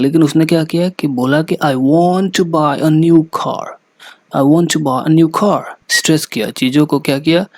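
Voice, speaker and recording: A male teacher gives a patient vocabulary lesson in a classroom manner, spelling words out letter by letter and pausing to check that his students follow. His voice sits at an ordinary middle pitch. The sound is close and dry, with no room echo. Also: darkish tone. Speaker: English teacher.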